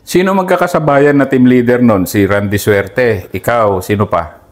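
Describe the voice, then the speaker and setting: A man's voice: medium pitch, normal speed. Man asking brief follow-up questions. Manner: brief prompting questions and murmured acknowledgments. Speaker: interviewer, retired colonel. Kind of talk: interview questions.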